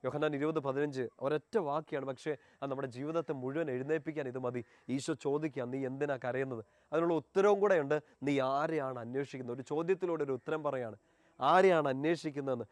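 A man preaching a sermon, earnest and pleading, rising in force and then dropping soft. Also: fairly high pitch, fast talker, no echo.

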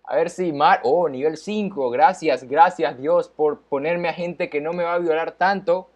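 A man giving live commentary on his own mobile game match, excitable, repeating his phrases and yelping and cheering at the action. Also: on the high side, measured pace. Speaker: gaming YouTuber.

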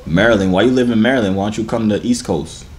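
A man in his early twenties with an American accent and a deep, booming voice, chatting in a laid-back, slangy, teasing way. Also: fast talker, a little hiss or hum. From New York, United States. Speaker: vlogger hosting a random video-chat prank. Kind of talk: casual flirtatious chat. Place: garage-like home gym, indoors.

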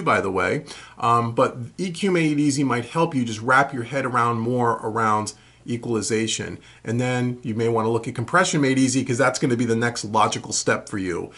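Answering viewer questions on his home recording tutorial Q&A show, a middle-aged man talks to camera in a relaxed, explanatory way. His husky voice is mid-range with a fairly bright tone, and he's indoors in a small furnished room at home.

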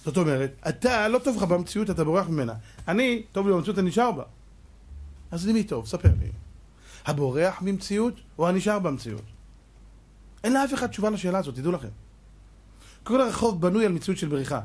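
A man, a rabbi, giving a lively religious lecture, firing rhetorical questions at his listeners and acting out little scenes with sound effects and mock voices. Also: high voice, pauses often. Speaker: rabbi giving a Torah class.

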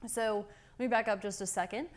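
A young adult woman with a medium-pitched, brisk voice leads a guided campus tour as a student guide, sounding informal, upbeat and explanatory. She moves through indoor university labs and a hallway, with steady, clear room noise in the background.

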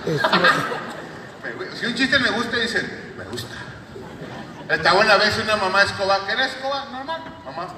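A Mexican man doing stand-up comedy, telling crude jokes deadpan and landing them with a catchphrase. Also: high-pitched, brisk, background noise. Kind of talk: stand-up joke telling on stage. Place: large auditorium. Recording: echoey hall audio from far off, loud crowd.

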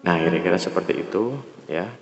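A man's voice: deep voice, moderate pace, muffled recording, loud music behind the voice. A man with an Indonesian accent giving a casual hands-on gear demonstration, informal and searching for his words. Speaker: product reviewer.

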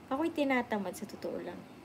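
A slightly high, somewhat bright female voice comes through with a little hiss or hum. She's a livestream host in her sixties, holding her phone camera at arm's length in a room with a sofa, chatting sleepily, blending languages, replying to comments, and repeating her thanks to viewers.

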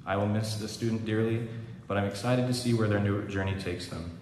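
Brisk man reading awards in a hall. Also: on the low side, darkish tone, a little hiss or hum. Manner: brisk, fast listing of names. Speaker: orchestra director. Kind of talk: reading awards at a school concert. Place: large school theatre. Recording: echoey hall from far off.

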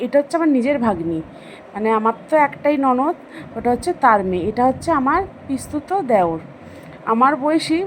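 A woman's voice: a little high, a little hiss or hum, low-quality recording. A middle-aged woman vlogger narrating family photos in a chatty, affectionate way, stopping to explain who is who in the family.

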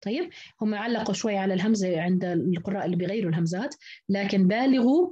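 A woman's voice: medium pitch, steady tone, rapid-fire, mellow, husky, muffled recording. A woman teaching a lesson on Quranic reading variants, explaining step by step and repeating words to model how they are pronounced.

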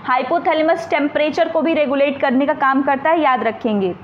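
A woman teacher working through exam questions step by step. She asks her students a question and then answers it herself, and she reads the English questions out slowly. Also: high-pitched. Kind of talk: exam question walkthrough lesson. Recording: dull lo-fi sound with faint noise.

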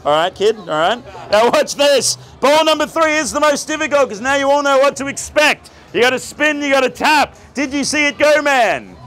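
Theatrical high-pitched Australian street magician man. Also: animated, moderate pace, hardly any pauses, fairly bright tone. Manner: theatrical showman, projecting and joking. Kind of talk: live street magic show patter to a crowd. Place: outdoor night street market with onlookers. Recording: outdoor camera, crowd and music behind.

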